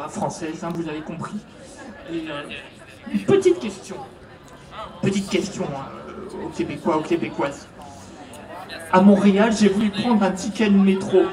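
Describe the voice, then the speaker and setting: A woman's voice: medium pitch, echoey room, far from the mic. A woman from France with a French accent, an activist speaking to a festival crowd through a handheld microphone, chatty and hesitant with many fillers. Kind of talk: public speech at a festival. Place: outdoor festival stage.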